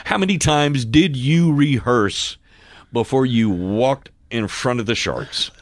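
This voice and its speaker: A man hosting a casual podcast, upbeat and animated, tossing in catchphrases. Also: medium pitch, slow, dry recording. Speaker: podcast host and producer.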